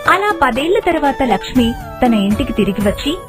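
A woman narrating an animated moral storybook in a steady, expressive way. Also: sits high, fairly quick, music in the background.

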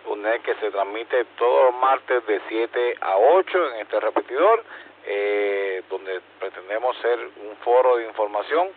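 A man with a Puerto Rican accent talking casually and haltingly as co-host of an amateur radio net, with a clipped, cockpit-headset radio sound. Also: fairly low pitch. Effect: two-way radio transmission. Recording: narrowband radio link with hum, faint noise. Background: hum and radio noise.

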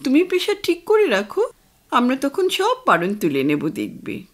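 A woman voicing a playful young adult daughter who gently chides her father. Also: high voice, wildly swooping pitch, normal speed, pitched above the performer's own voice, full character voice.

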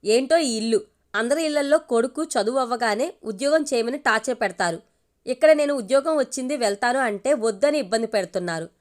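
A woman narrating a family story in the first person, with a steady, expressive reading. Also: a little high, fairly quick. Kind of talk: audiobook narration.

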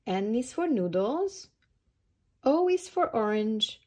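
Slow, sing-song woman reading to small children. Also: a little high, very animated, dark tone. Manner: slow, sing-song, asks the young listeners questions. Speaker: early years storytime reader. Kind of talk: reading a children's picture book aloud.

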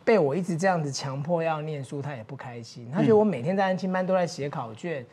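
A man with a Taiwanese Mandarin accent, a parent on a talk show telling an animated story and laughing through it. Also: fairly high pitch, fast, slightly rough. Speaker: guest parent.

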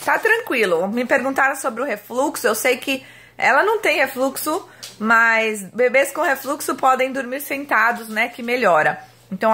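A woman's voice: fairly high pitch, bright, forceful tone. A woman, chatting casually to viewers in a home vlog as a mother, with frequent tag questions. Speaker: mother and vlogger.

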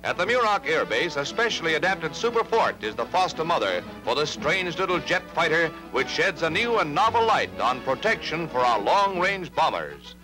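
A man's voice: fairly high pitch, sing-song, poor audio. Old newsreel announcer guy, punchy and dramatic, voice swings up and down a lot, big music blaring under him. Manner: brisk, dramatic announcer delivery. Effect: old newsreel recording. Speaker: newsreel narrator. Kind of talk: 1940s newsreel narration. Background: loud music.

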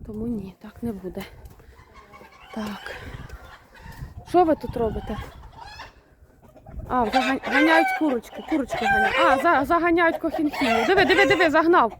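A woman's voice: a little high, moderate pace, pauses often. A woman vlogging casually outdoors in her farmyard, chatting to viewers and scolding and shooing her poultry with laughs. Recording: outdoor video with loud farmyard noise. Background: chickens, roosters and fowl clucking and crowing.

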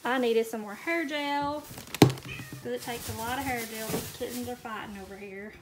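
A woman's voice: on the high side, normal speed. A middle-aged woman, chatting casually to her viewers while she shows off a grocery haul at home and laughs often. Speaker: vlogger showing a grocery haul. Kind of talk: casual chat. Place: indoors at home, camera pointed at groceries. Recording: loud background noise.

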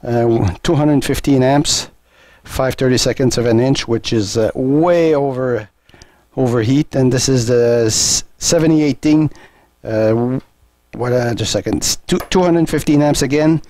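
In a dry recording, an unhurried male voice of middle pitch and slightly mellow tone walks through welding work in his garage at home. As host of a welding channel, he explains casually and plainly, thinking out loud, often restarting sentences and leaning on fillers.

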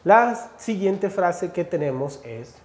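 A man's voice: high-pitched, sing-song, takes it slowly, a little mellow, echoey room. A Mexican man, a native Spanish speaker, teaching English phrases in a casual, slangy video lesson, calling out to viewers as he reads examples off a screen. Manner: slangy, addresses viewers as "chavos" and "señores".

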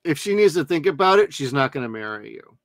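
A man talking through a movie with a co-host, blunt and loaded with profanity, slipping into mocking impressions of characters. His voice sits a little high for a man and the sound is close and dry, with no room around it. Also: big pitch swings, quick pace, dry recording. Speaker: podcast co-host. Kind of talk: casual film review chat.

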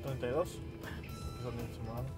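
A man's voice: mid-range voice, fairly even intonation, moderate pace, over loud music. A man working as a repo agent, speaking in a dry, matter-of-fact way and mixing in English phrases. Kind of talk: scripted reality banter and interview.

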